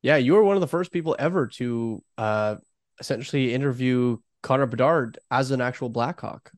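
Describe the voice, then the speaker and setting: A man hosting a podcast, asking questions in a joking, relaxed way. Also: medium pitch, normal speed, no echo, clean studio sound. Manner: joking, self-deprecating. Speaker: podcast host. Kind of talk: casual interview chat.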